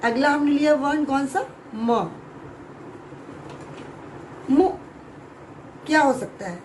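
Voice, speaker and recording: A woman teacher with a high voice explains a lesson to children at an unhurried pace. She draws out each sound and pauses often to check whether they follow. A faint hiss sits under the recording. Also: lively intonation, a little mellow, poor audio. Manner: drawn-out sounds, frequent check-in questions. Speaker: Hindi teacher. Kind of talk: slow, clear classroom explanation to children.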